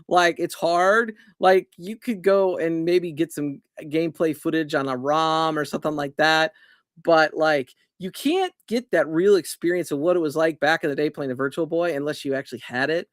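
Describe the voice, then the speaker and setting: A man's voice: fairly high pitch, moderate pace, no room sound, studio quality. A middle-aged man hosting a casual game chat stream, rambling and correcting himself with frequent chuckles.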